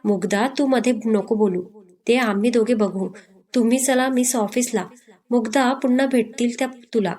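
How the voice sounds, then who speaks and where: A woman's voice: on the high side, steady tone, moderate pace, darkish tone, lightly acted. A woman voicing a short-tempered young male boss who gives clipped, cold orders and slips into English. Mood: stern. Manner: clipped, cold office commands mixing in English. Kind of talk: storybook reading.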